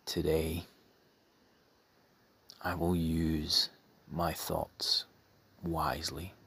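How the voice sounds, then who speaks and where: A man softly leading a guided meditation in a breathy, soothing half-whisper, with measured phrases and long pauses. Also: rumbling low, little pitch movement.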